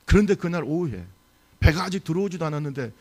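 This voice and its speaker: A man's voice: on the high side, lively intonation, fast, warm tone, husky. A male pastor preaching a sermon in a church service, telling a story with animation and putting questions to the congregation.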